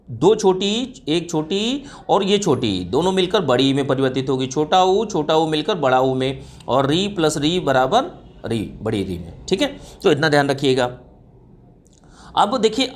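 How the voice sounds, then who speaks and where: A man giving an exam-prep Hindi grammar lesson, explaining step by step, repeating himself, asking students questions and stretching out example sounds. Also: a little high.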